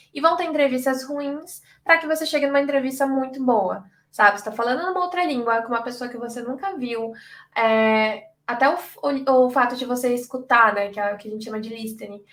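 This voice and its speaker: A woman's voice: sits high, a bit bright. A young woman from Brazil giving career advice on a panel, chatty and full of "sabe?" and "tipo".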